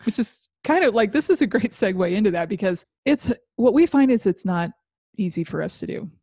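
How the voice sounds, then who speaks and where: A woman co-hosting a business podcast in a casual chat, agreeable and quick to back up her partner. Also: medium pitch, expressive, warm tone, husky, dry recording, clean studio sound. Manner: agreeable, backs up her partner, talks through her routine. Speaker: podcast co-host.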